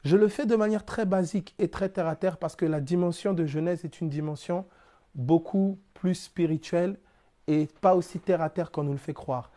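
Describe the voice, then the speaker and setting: At a moderate pace, a man from France speaks in a high, dark-toned voice during a spiritual teaching talk. His explanations run on rhetorical questions and everyday examples, delivered in a casual, plainspoken manner.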